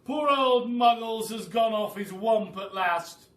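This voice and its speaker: Bloke doing a fat fussy storybook bird, higher voice, theatrical exclaiming, echoey. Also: male voice, slow pace, a bit bright. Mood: mocking. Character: dramatic, grumbling roly-poly bird. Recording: roomy, distant mic with faint noise.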